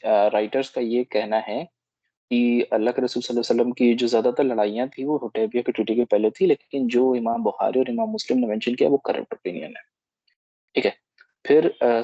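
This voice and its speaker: A man explaining a history book to a study group in casual Hindi mixed with English phrases, halting often to search for words. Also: medium pitch, warm tone, dry recording, lo-fi sound. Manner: halting, mixes English phrases, many fillers. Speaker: study circle presenter.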